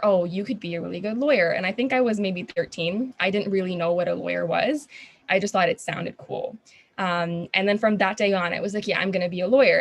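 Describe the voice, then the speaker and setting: Chatty young woman from Qatar. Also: lowish voice. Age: young adult. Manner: earnest, chatty, frequent ums. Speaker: guest, student founder of an organization. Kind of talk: interview.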